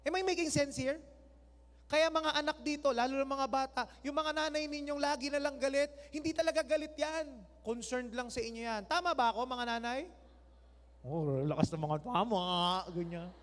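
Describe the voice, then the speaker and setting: A man's voice: very high voice, normal speed, fairly bright tone. A Filipino man in his thirties preaching a sermon, joking and acting out the voices of family members as he talks. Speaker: pastor. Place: large church hall. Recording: long hall reverb.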